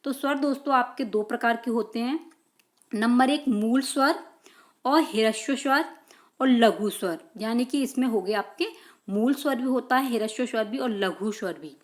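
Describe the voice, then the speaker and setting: A woman's voice: fairly high pitch, moderate pace. A woman teaching an exam-prep grammar lesson, repeating key terms and answering her own questions.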